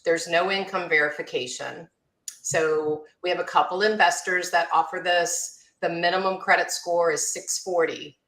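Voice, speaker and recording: A woman's voice: on the low side, fairly even intonation, normal speed, a bit bright. A woman, a mortgage loan officer, explaining loan terms in a matter-of-fact way as an interview guest. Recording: roomy echo.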